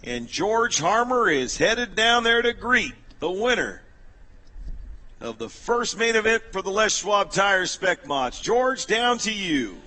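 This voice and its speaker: A man calling a stock car race over the public address, energetic and rallying the crowd. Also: sits high, slow. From United States. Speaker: race announcer.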